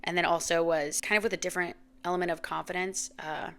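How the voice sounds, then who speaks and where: A woman's voice: fairly low pitch, level tone, fast, a bit bright. A woman in her thirties hosting a faith podcast, speaking earnestly and from the heart, often emotional, with lots of "like" and "you know". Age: 30s. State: emotional, near tears. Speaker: podcast host. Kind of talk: reflective faith podcast monologue.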